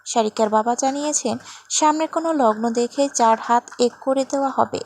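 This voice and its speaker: Woman storyteller, scripted narration, gentle even reading, high pitch. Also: moderate pace, a little hiss or hum.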